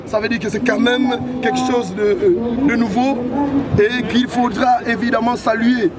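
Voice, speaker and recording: A man in his thirties from Gabon, president of an association, answering interview questions in a measured way with stock phrases. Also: very high voice, steady tone. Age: 30s. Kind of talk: outdoor event interview. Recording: loud crowd around. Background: loud crowd.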